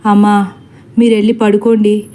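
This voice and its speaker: A woman voicing a grave landlord son who gives short, calm orders. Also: mid-range voice, moderate pace, lightly acted. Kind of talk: storybook acting.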